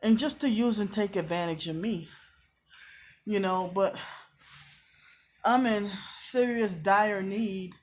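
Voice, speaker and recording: A woman talking casually to camera from a hotel room, aggrieved and repetitive, often clearing her throat, sounding tired. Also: medium pitch, slow pace, long pauses, slight background noise. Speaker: vlogger.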